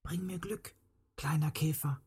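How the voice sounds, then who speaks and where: A storyteller voicing a hopeful little girl in a children's story, lifting into a much higher, eager voice. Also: fairly even intonation, measured pace, breathy edge. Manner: eager, bright calls. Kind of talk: storybook reading. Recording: faint music behind.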